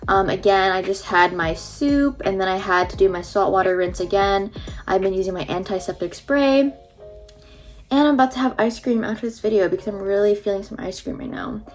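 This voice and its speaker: A woman's voice: medium pitch, fairly quick, soft background music. A young woman with a slight lisp from a numb mouth after wisdom teeth surgery, chatting informally in a casual personal vlog.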